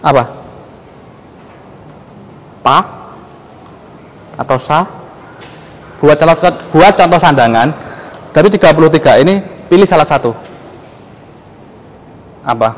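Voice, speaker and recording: A man teaching a class on an old script, slow and halting, often stopping to quiz his listeners. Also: fairly high pitch, animated. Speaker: lecturer. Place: museum lecture room. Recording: long hall reverb.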